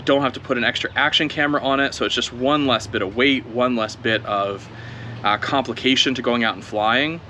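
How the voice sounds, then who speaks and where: A man giving relaxed, chatty commentary outdoors while he flies a drone, talking it through as he goes. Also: medium pitch, a little fast, a little hiss or hum. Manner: relaxed, chatty, thinking aloud while flying. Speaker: drone video creator. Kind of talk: casual first-flight commentary.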